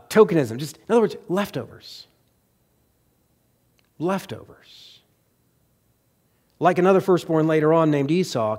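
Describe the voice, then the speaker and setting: A middle-aged man preaching a sermon, emphatic, pausing often and posing rhetorical questions. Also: a little high, a little mellow.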